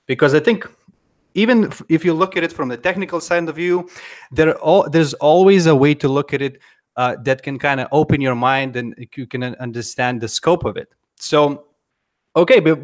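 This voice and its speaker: A man in his thirties hosting a live interview, speaking haltingly with many pauses and restarts, into a studio microphone at home. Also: a little high. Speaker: interviewer host. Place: home room. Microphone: headphones and studio mic on a boom.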